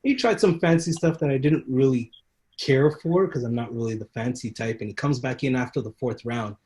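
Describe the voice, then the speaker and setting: A man's voice: mid-range voice, fairly quick. A man, a Muay Thai instructor, telling stories in a casual podcast interview and acting out the people he quotes. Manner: animated storyteller who acts out quoted people and laughs often.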